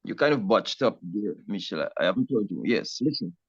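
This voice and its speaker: Deep creaky man on a breaking-up call. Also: big pitch swings, brisk, dry recording. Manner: polite, repeats questions carefully. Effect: call audio cutting out and breaking up. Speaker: webinar attendee asking a question. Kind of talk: questions on a video call. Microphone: remote video call connection. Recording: dull lo-fi call audio, dry.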